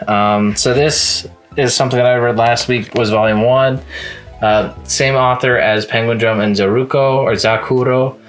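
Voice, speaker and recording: A man's voice: medium pitch, a bit bright. Casual man rambling through manga reviews. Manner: rambling, with many fillers and restarts. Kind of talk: casual reading-log review.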